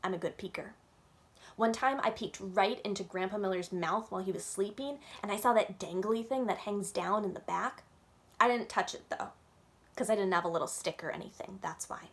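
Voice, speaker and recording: A storyteller reads a first-person children's book aloud, leaning into expressive, childlike emphasis. She speaks at a moderate pace with a medium pitch.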